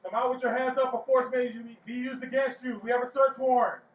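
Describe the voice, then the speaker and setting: A man's voice: extremely high pitch, brisk, a little hiss or hum. A police officer, a man, calling out repeated commands through a megaphone. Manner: loud, flat, repeated commands. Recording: dull, echoey, distant body-camera audio.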